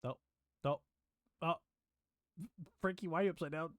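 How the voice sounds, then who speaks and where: A man running a tabletop game on a live stream as game master, energetic, scattered and swearing. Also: fairly high pitch, moderate pace, dry recording, clean studio sound.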